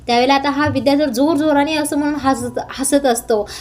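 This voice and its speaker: A woman narrating a serial episode recap in a casual, steady storytelling manner. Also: high voice, a little fast. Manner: plain, steady retelling.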